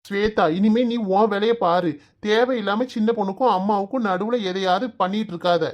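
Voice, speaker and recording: A woman's voice: medium pitch, fairly quick, a little mellow, lightly acted. A woman voicing an exasperated young husband caught between his family in a comic cartoon, with a Kanyakumari Tamil accent, arguing and pleading.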